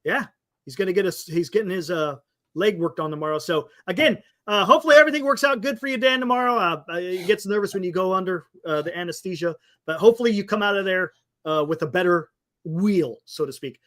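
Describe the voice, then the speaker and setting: A man co-hosting a casual sports talk show, excitable and laughing often. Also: sits high, fast talker. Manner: laughs often, excitable, says "dude" a lot. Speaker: co-host.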